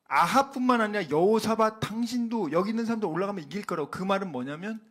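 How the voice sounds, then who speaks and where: A man preaching a sermon in a church, animated and dramatic, often acting out dialogue as he teaches. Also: high-pitched. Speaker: pastor. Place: church sanctuary.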